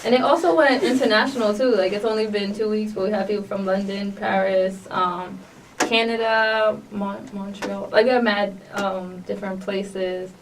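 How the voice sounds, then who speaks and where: A woman's voice: medium pitch, fairly even intonation, normal speed. A young woman with a New York accent, a guest on a podcast, chatting upbeat with lots of fillers. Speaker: guest artist. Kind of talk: casual podcast interview. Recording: distant mic with faint noise.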